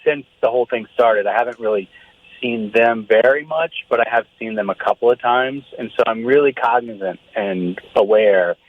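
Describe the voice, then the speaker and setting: A young man heard over a telephone line, talking in a hesitant, nervous, halting way. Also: medium pitch. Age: young adult. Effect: heard over a phone line. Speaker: guest called on the radio show. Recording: tinny phone line.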